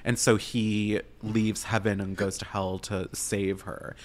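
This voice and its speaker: A man's voice: on the low side, flat delivery, slow. A man in casual film chat, talking in a playful, campy, slangy way.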